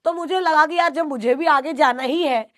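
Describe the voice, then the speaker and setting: A woman's voice: high-pitched, normal speed, a bit bright, no room sound, studio quality. A woman teacher chatting playfully and affectionately with her students, telling a story and mixing in English phrases. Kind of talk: casual chat and storytelling before class.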